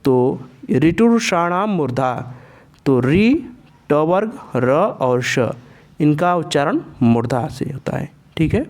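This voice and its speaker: Slow, deliberate male Sanskrit teacher. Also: on the high side, animated, a little mellow. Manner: slow and deliberate, repeats each sound aloud to demonstrate. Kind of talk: explaining a grammar lesson.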